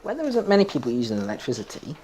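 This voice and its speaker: A man's voice: mid-range voice, wildly swooping pitch, rapid-fire, noisy background. A young man chatting casually while playing a game, rambling, opinionated and laughing often. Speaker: gaming streamer.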